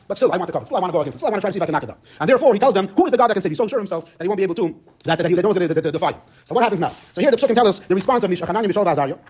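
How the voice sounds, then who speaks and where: Male rabbi, Torah class lecturer: very fast delivery, raised pitch, acts out the story's dialogue. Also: darkish tone, a little hiss or hum. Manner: retells the story briskly, acting out dialogue; mixes Hebrew and Yiddish terms into his teaching.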